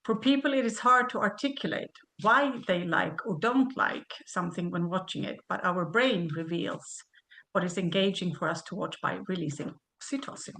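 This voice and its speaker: A woman's voice: fairly low pitch, normal speed, vocal fry, a bit bright. Woman reading a webinar talk. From Sweden. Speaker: presenter. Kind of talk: reading a prepared webinar presentation.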